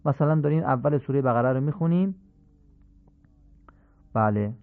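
A middle-aged man teaching correct Quran recitation on a radio lesson, explaining calmly and reciting phrases slowly to demonstrate. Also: mid-range voice. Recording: tinny phone-like old radio recording.

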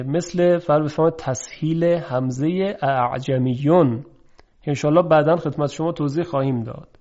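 Measured male tajweed teacher, lo-fi sound. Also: on the high side, darkish tone. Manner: measured and explanatory, slows to demonstrate sounds. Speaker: Quran recitation teacher. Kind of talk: recorded tajweed lesson.

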